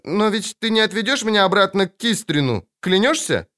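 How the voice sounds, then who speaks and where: A spoiled little princess with a shrill, sniffly voice, put on by a man reading the book. She sounds much higher than the narrator, imperious and defiant even when frightened. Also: fairly quick. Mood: pleading.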